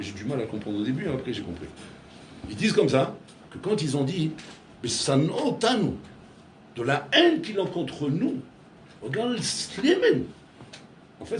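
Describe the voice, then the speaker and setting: Man, rabbi, lively sermon, words, fairly high voice, echoey room. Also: a little hiss or hum. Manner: storytelling with acted dialogue, swings between loud and hushed. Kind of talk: animated sermon. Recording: echoey room with faint ambience.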